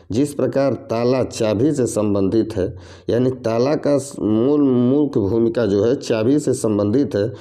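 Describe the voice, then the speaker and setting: Man teaching exam reasoning, dark voice. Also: fairly low pitch. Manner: explains step by step, repeats each question and its options. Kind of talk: reasoning lesson for competitive exams.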